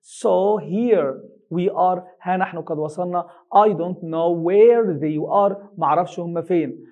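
An English teacher with an Egyptian Arabic accent, who reads a story slowly in English and translates each line quickly into colloquial Arabic. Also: male voice, sits high, phone-quality sound. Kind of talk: reading an English reader aloud line by line and translating it.

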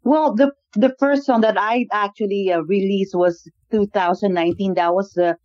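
A woman from the Philippines with a Filipino accent, a singer-songwriter chatting quickly as an interview guest. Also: medium pitch, fairly even intonation, darkish tone, dry recording, highs cut off. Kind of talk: casual interview.

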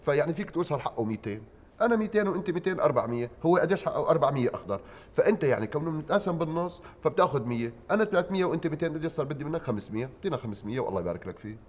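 An actor with a Syrian accent playing a scheming middle-aged clerk who cajoles and bargains craftily. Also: male voice, fairly high pitch, sing-song, rapid-fire, darkish tone. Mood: cajoling. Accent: Syrian Arabic. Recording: reverberant studio set.

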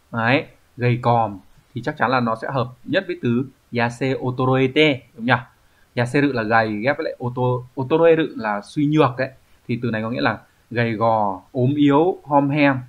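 Thầy giáo nam giảng bài đều đều, tiếng hơi đục. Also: male voice, mid-range voice, fairly bright tone, lo-fi sound. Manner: explanatory, asks rhetorical checks like "right?". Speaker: Japanese language teacher. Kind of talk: explaining exam answers.

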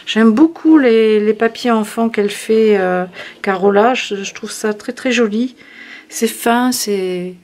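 A woman's voice: on the high side, slow, darkish tone. A woman hosting a craft channel, chatting casually through a product review with many fillers and restarts. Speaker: scrapbooking channel host.

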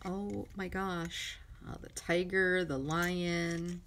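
A middle-aged woman crafting vlogger gushing excitedly over a mail swap, chatty and full of fillers. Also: on the low side, extremely slow. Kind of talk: casual unboxing chat. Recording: noisy room with crinkling and clicks.

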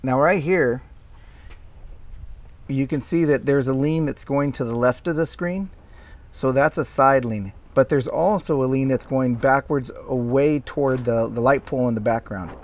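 A man's voice: medium pitch, moderate pace. A middle-aged man giving casual, explanatory voice-over commentary on his own work video, with frequent fillers and restarts. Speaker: tree care worker explaining his video.

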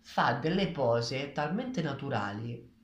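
A book reviewer in his twenties casually discusses a graphic novel, giving opinions and thinking aloud in a small tiled kitchen. A camera across the kitchen table picks up his animated, medium-pitched voice at a slow pace, with echoey room sound at a distance and a little hiss or hum.

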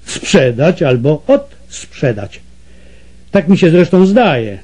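Storybook villain: man reading a mocking, menacing trader, dark-toned, lively contour. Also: a little high, a little slow. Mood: sneering, menacing. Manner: sneering and menacing. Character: scheming, mocking Portuguese male slave trader.

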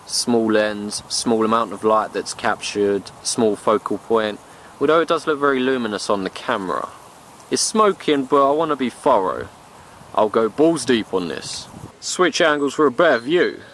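A man's voice: medium pitch, lively intonation, normal speed, a bit bright, a little hiss or hum. A young man from the UK narrating a bushcraft trip outdoors in a playful, slangy way. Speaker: bushcraft vlogger. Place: outdoors in woods and meadow.

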